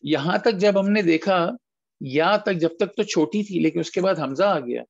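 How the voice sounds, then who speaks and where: High gravelly-voiced male tajweed teacher, patient, dull lo-fi call sound. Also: no room sound. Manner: patient, asks students questions, drawn-out model words. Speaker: Quran recitation teacher. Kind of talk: online tajweed class. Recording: dull lo-fi online call audio.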